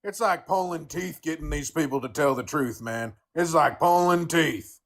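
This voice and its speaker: A man's voice: fairly high pitch, normal speed, a bit bright. A man in his twenties calling into a live debate, combative and dismissive. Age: 20s. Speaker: caller debating the host.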